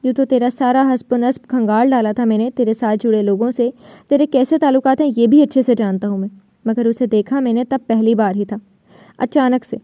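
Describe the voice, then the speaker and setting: Brief: woman narrator voicing a sneering vengeful young man, audiobook, high pitch. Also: mellow, no echo, clean studio sound, close to an everyday voice. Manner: menacing, sneering. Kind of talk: audiobook novel reading.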